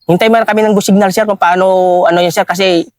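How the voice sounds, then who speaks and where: A man telling a war story in an interview, deferential, adding sir to almost every phrase, halting with fillers. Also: high-pitched, fairly even intonation, no room sound, clean studio sound. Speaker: retired soldier interviewee.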